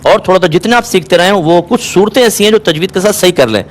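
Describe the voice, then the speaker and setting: A man answering viewers' religious questions on a call-in show, calm and explanatory, asking listeners to check they follow. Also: high-pitched. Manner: calm, explanatory, patient advice; asks rhetorical checks, occasionally amused.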